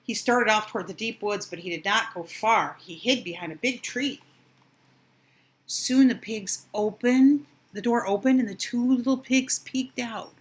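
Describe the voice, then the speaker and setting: An older woman reading a children's storybook aloud with expressive, dramatic emphasis. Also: fairly high pitch, a little slow.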